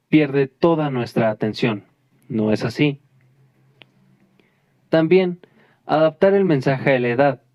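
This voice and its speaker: A man's voice: medium pitch, dry recording. Man presenting a lesson to a class, direct, self-correcting, muffled dry recording. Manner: talks straight to listeners, restarts and self-corrects.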